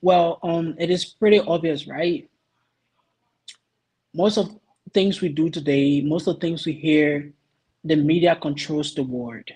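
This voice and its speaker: Liberian guy in an interview, kinda husky, higher voice, lots of ums. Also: measured pace, long pauses, darkish tone, poor audio. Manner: earnest, searching for words with many ums. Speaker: guest, youth association vice president. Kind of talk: interview answers.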